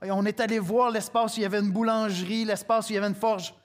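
A middle-aged man with a Québécois accent delivers a sermon like a story told among friends. He speaks straight to his listeners in a casual, familiar way. His voice sits a little high for a man. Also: little pitch movement, quick pace. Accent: Québécois French. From Quebec. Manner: conversational, storytelling, addresses listener directly. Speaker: pastor.

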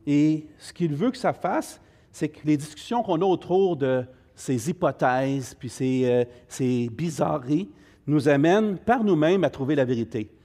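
A man's voice: on the high side, animated, a little slow, dark tone. Hesitant Québécois man teaching Bible class. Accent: Québécois French. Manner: hesitant, many "euh" fillers, friendly asides to the class. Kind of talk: informal Bible study teaching.

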